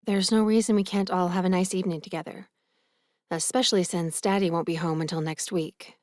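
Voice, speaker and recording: A prickly older sister with a clipped, guarded manner, read by a woman narrator. Her politeness sounds forced in this storybook romance. The voice is low-pitched and dry. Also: fairly even intonation, fairly quick, darkish tone, dry recording, lightly acted.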